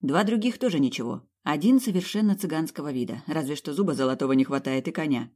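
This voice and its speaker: Woman narrator, first-person comic fantasy audiobook, sarcastic and lively. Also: sits low, quick pace.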